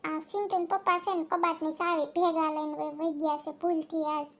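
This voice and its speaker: A woman voicing a sly, flattering housewife who borrows money in a cartoon, with a Kathiawadi Gujarati accent. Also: very high voice, fairly quick. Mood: wheedling. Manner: wheedling, flattering.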